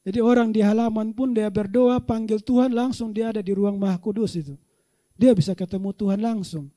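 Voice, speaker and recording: High-pitched animated male preacher. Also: a little fast. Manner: animated preaching, rising to loud shouts, with frequent laughter. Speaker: pastor. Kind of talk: sermon.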